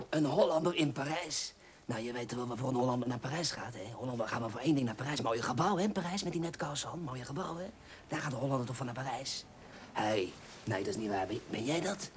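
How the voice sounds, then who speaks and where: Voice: medium pitch, a little hiss or hum, natural voice. A performer playing a pushy, overfamiliar book fan in a film comedy sketch, nudging with constant asides and sly whispers. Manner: insistent, keeps nudging with "hè?" and drops into sly whispers.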